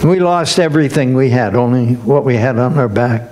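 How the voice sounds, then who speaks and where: An older man giving a sermon as guest minister, preaching slowly and emphatically with lifted, rising phrases. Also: medium pitch, darkish tone, slight background noise.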